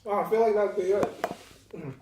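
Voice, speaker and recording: A man's voice: high voice, moderate pace. Young man chatting between mouthfuls. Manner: eats while talking, hums "mm" between thoughts. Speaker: vlog host answering questions. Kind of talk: casual chat while eating. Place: indoors at a meal. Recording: echoey room, mic at a distance, faint noise.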